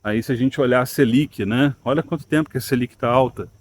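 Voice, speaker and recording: A man's voice: medium pitch, fairly quick, a little hiss or hum. A man with a Brazilian Portuguese accent hosting a channel, musing aloud to viewers with many "né" and "tá" fillers and frequent questions. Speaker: channel host. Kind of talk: casual opinion monologue to camera.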